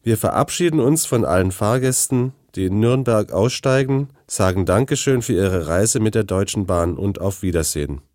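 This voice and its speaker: A man reading formal train announcements in a steady, announcing way. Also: lowish voice, moderate pace, few pauses, no echo, studio quality.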